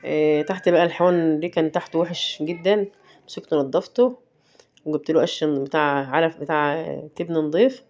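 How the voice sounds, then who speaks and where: A low-pitched Egyptian woman in her thirties rattles along very fast in a homely, rambling vlog chat. Her voice is dark and mellow. The sound is dull and lo-fi. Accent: Egyptian Arabic. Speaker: vlogger. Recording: dull lo-fi audio.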